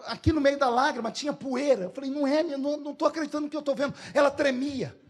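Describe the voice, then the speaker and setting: A man with a Brazilian Portuguese accent, a pastor telling a humorous story in a sermon and acting out the dialogue. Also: very high-pitched.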